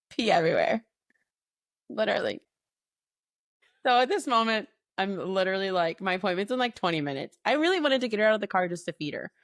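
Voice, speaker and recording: A woman's voice: mid-range voice, a little fast, long pauses, dry recording, clean studio sound. A young woman co-hosting a casual podcast, telling a long story with lots of "like" and "literally". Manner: animated storytelling, frequent "like" and "literally". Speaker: podcast co-host. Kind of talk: casual chat.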